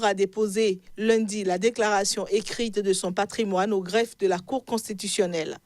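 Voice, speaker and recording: A woman reading a news report with a steady, formal delivery. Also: medium pitch, no echo. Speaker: news reader.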